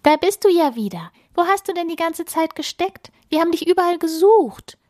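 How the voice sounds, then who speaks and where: A flock of snowflakes thrilled to find their lost one, as a woman reading puts them on. They squeal up high and tumble over each other. Dry, close sound. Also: no echo. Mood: excited. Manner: excited, rapid calling. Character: excited snowflake family, chattering together.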